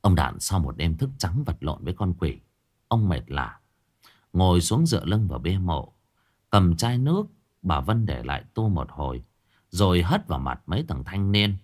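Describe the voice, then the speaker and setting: A male storyteller narrating a ghost story with dramatic expression. His voice sits on the low side and rises and falls in a lively way. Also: normal speed.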